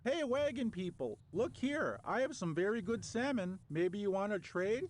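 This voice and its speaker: An actor playing an earnest boy trader in a computer game, with a breathy, wheezy voice and stilted delivery. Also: high voice, very animated, normal speed, slight background noise. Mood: eager, earnest. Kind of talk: scripted game character dialogue.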